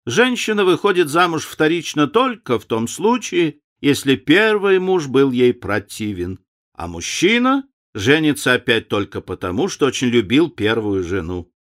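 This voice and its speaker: A man's voice: mid-range voice, big pitch swings, normal speed, fairly bright tone, pitched above the performer's own voice. A man voicing a wry, cynical aristocrat. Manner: drawling, epigrammatic. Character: witty cynical aristocratic gentleman.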